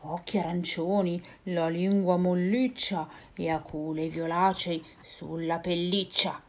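A woman reading a rhyming picture book aloud in a slow, rhythmic way, at times dropping to a whisper. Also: on the low side, fairly even intonation. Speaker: storyteller.

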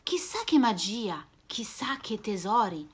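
A woman reading a rhyming children's storybook aloud, expressive and sing-song. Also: medium pitch, unhurried, a little hiss or hum.

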